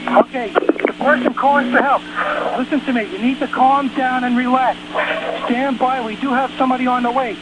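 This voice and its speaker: A fire dispatcher with a very high-pitched, fairly flat voice speaks at a moderate pace, issuing firm, commanding orders over emergency radio and repeating them. The recording is noisy emergency radio traffic with loud radio noise behind him.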